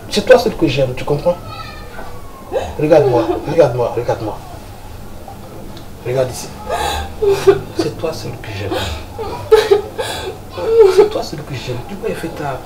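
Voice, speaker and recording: Actor as devoted husband; soothing, repetitive pleading; comedy sketch; distant, noisy take. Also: male voice, medium pitch, close to an everyday voice. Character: devoted young husband soothing his crying wife. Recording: echoey room, far from mic, noisy.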